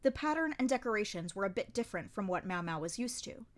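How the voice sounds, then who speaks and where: A woman narrating a fan audiobook of a novel in an expressive storytelling manner. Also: medium pitch, fast talker.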